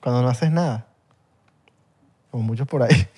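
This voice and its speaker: A man's voice: medium pitch, moderate pace, dark tone, slightly rough. A man co-hosting a podcast, easygoing and teasing, with a laugh never far off. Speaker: podcast co-host. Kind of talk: casual chat.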